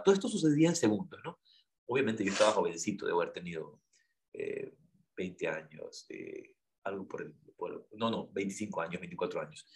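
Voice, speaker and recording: A man hosting a casual talk show, telling stories in an animated way and asking rhetorical questions. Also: fairly low pitch. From Ecuador.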